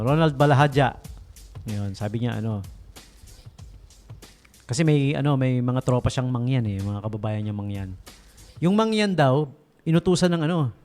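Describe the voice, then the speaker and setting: Animated radio DJ telling jokes. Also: male voice, medium pitch. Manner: animated, bursts into loud laughter. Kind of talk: comic joke-telling on radio. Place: radio studio.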